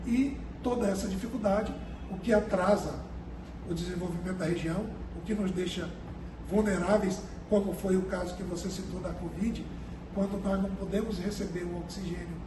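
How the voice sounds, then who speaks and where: A high-voiced man answers an interviewer earnestly, stopping to repeat words as he finds his point. He was recorded from a distance in an echoey room with clear background noise. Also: steady tone. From Brazil, Amazonas. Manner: earnest, deliberate, repeats words while searching. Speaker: company director, interviewee.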